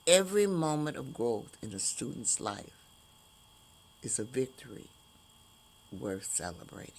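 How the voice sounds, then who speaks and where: A woman hosting an inspirational podcast, speaking in slow, drawn-out emphatic phrases. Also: extremely low pitch, big pitch swings, a little mellow, slight background noise. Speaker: host.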